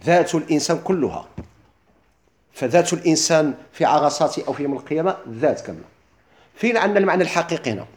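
A man with a Moroccan accent gives a lesson on classical Arabic rhetoric, firing questions at his listeners and answering them himself. He speaks fast and expressively, his voice slightly higher than most men's.

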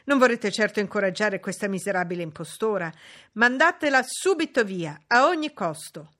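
A woman reading an audiobook, voicing an indignant, shrill aristocratic mother. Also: lively intonation, moderate pace, fairly bright tone, natural voice.

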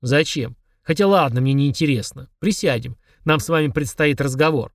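A man's voice: on the high side, normal speed, dry recording, close to an everyday voice. A man voicing a small, spiteful, grumpy demon who grumbles and snaps sarcastically, in a dry close recording. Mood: grumbling. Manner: grumbling, sneering, snapping.

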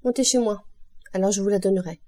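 A woman's voice: medium pitch, fast, warm tone, natural voice. A woman voicing an anxious, courteous young male nobleman in an audiobook. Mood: earnest.

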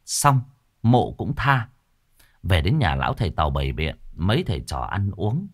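A man narrates a ghost story in a low voice. His delivery is dramatic and expressive, and his pitch moves widely through each line. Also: normal speed, no room sound, clean studio sound.

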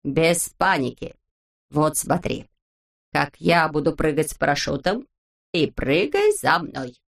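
A sensible little leader from a storybook, speaking slowly and evenly, as a woman reader puts him on. He gives orders calmly and never panics. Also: on the low side, natural voice. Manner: slow, steady, commanding. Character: calm clever boy leader, sensible and composed.

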